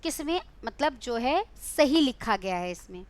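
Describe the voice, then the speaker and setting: A woman's voice: on the high side, lively intonation, a little slow. A young adult woman teaching Hindi in an online exam-prep class, quizzing her students, coaxing them and calling them beta.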